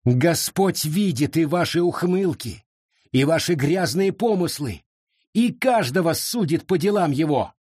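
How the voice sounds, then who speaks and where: A man voicing a hoarse, furious woman in a cage, slowly denouncing the crowd, in a storybook reading. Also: a little high, lively intonation, a little mellow, no echo, clean studio sound, pitched above the performer's own voice. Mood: righteous fury. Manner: righteous, slow and accusing.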